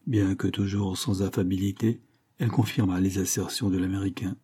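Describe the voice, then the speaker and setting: A man reading a detective novel aloud in a measured, even storytelling manner. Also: deep voice, husky. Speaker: audiobook narrator. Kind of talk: scripted narration.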